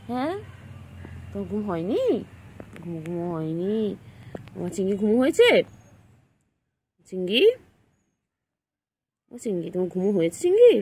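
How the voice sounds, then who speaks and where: A woman with a gravelly, creaky voice coos doting baby talk at her cats, repeating pet names and soft commands. Faint noise hums behind her. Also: a little high. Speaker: pet vlogger.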